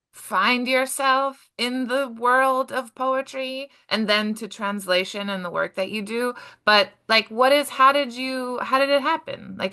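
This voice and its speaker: A woman's voice: on the high side, bright, forceful tone, smooth. A woman hosting an interview, asking casual, rambling questions full of "like". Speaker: podcast host.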